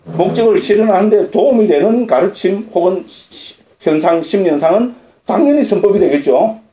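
A man's voice: high-pitched, expressive, moderate pace, mellow. A man, a Korean Buddhist monk, giving a dharma lecture, often asking and answering his own questions and checking agreement with short tag questions. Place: lecture hall at a Buddhist center. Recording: roomy lecture-hall audio recording.

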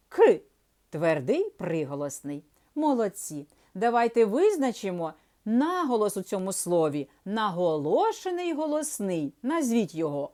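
A woman teaching a children's reading lesson, drawing out each syllable and answering her own questions for the pupils. Her voice sits a little high and swoops up and down a lot. Her tone is soft and mellow, and she speaks at a very slow, patient pace. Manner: slow, drawn-out, sounds out syllables.

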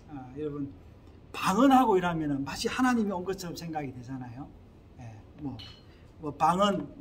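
This man preaches a sermon in a Gyeongsang accent, pitched rather high for a man. He keeps turning to the congregation with rhetorical questions in an earnest pastor's manner. A light background noise sits under his voice. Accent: Gyeongsang Korean. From Gyeongsang region, Korea. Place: Korea-linked small church abroad.

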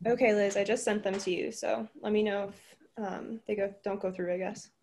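A woman organizing a meeting over a video call, chatty and energetic, laughing often. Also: mid-range voice, brisk, a little hiss or hum. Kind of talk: casual video-call chat.

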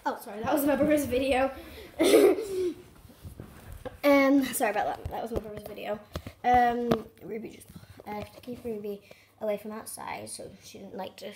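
Excitable rambling woman in echoey room. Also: fairly high pitch. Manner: rambling, excitable, lots of fillers. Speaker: vlogger. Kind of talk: casual chat to camera. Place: home. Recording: echoey room with faint noise.

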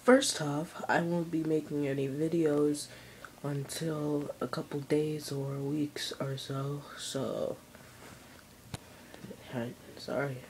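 A video channel host making a casual announcement to viewers, halting and muffled by cloth over the face. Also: mid-range voice, level tone. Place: indoors in a room, seated in an armchair. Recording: clear background room noise.

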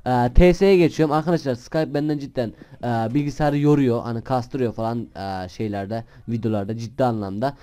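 A man's voice: medium pitch, brisk, few pauses, clean tone. A young man hosting a gaming channel, chatting casually and rambling while he plays. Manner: chatty and rambling, bursts into shouted swearing at other players. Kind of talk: casual gameplay commentary.

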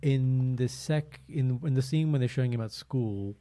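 Man in his 30s, podcast co-host, lively joker, medium pitch, home studio mic. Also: normal speed. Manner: animated, jokey storytelling with playful put-on accents. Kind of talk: casual podcast chat. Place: home room, indoors. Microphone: desk mic on boom arm.

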